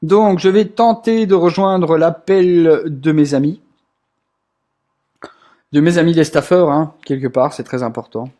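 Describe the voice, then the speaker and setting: A man's voice: fairly high pitch, measured pace, mellow. A young man hosting a casual group voice call, rambling with lots of hesitations and repeated words. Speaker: group staff host.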